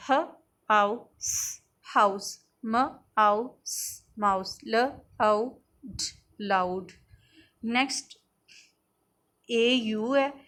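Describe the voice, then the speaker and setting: A woman teaching a phonics lesson, slowly sounding out letters and words one by one. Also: a little high, a bit bright.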